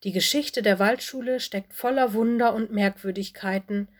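A lady doing a motherly fox headmistress from a kids' audiobook, gentle, a bit stern. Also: mid-range voice, normal speed, natural voice. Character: motherly fox headmistress, busy but kind.

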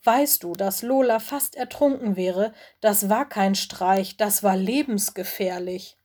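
A woman's voice: mid-range voice, unhurried, a little mellow, natural voice. A woman voicing an earnest, brave but anxious young male forest-school animal. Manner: earnest, determined.

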